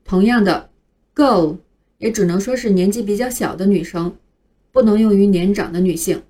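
A dark-toned, medium-pitched female voice teaches phonics from a script. Each English word is spelled out slowly, one letter at a time, to teach its pronunciation.

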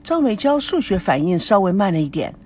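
A woman narrating a romance novel as an audiobook in an expressive, sing-song way. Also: mid-range voice, a little fast, slightly rough.

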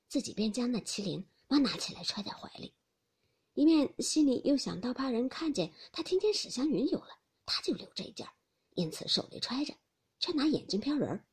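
Breathy, expressive woman storyteller. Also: a little high. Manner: expressive, rhythmic phrasing. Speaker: narrator. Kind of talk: storytelling reading of a classic novel.

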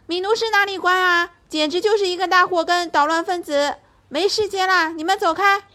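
A woman voicing busy, grumpy circus clowns and acrobats who snap in a hurried way. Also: sits high, expressive, pushed and bright, pitched above the performer's own voice. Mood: annoyed. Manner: snappish and hurried.

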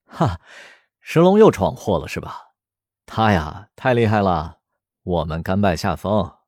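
A man's voice: low voice, sing-song, a little slow, a little mellow, no room sound, studio quality, full character voice. A man voicing an easygoing, good-humored young man in a storybook reading. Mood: amused.

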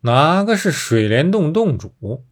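A man's voice: medium pitch, sing-song, a little slow, breathy edge, full character voice. A man voicing a huge, fierce male demon king who speaks with arrogant scorn. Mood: commanding.

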